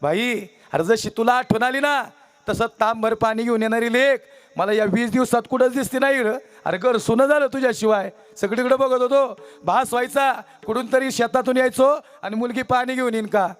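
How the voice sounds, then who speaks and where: A man's voice: very high voice, normal speed. A man voicing an aging, loving farmer father. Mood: emotional.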